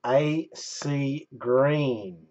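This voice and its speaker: A man's voice: medium pitch, very slow, darkish tone, lo-fi sound. A man in his thirties hosting a live card break, calling out numbers and winners with catchphrases like a bingo caller. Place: small indoor room stacked with boxes.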